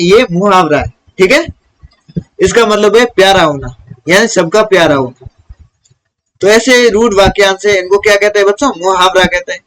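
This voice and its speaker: Man, high voice, teacher explaining to kids, asks and answers his own questions. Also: a bit bright, low-quality recording. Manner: repeats questions and answers them himself. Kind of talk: explaining a school lesson to children.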